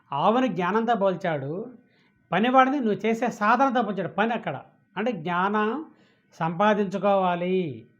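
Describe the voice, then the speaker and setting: A man's voice: sits high, fairly bright tone. A man giving a spiritual discourse, asking questions and answering them himself. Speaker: spiritual teacher. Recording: dull lo-fi audio.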